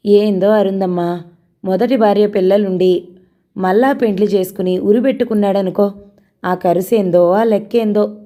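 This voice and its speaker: A woman voicing a chatty male farmhand who speaks in rough village dialect and calls out loudly. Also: medium pitch, fairly even intonation, moderate pace, natural voice. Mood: grumbling.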